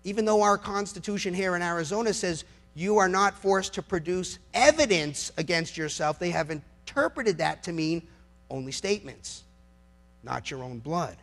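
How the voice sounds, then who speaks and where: Faint music plays behind a high-voiced American man speaking at normal speed. A lawyer, he delivers a passionate public address, sardonic and forceful, leaning on rhetorical questions and repeated phrases.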